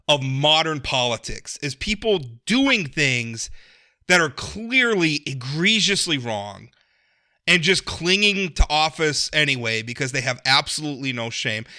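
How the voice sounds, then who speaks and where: Male commentator, casual political chat, very bright forceful tone, emphatic delivery. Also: fairly high pitch, animated, a little slow.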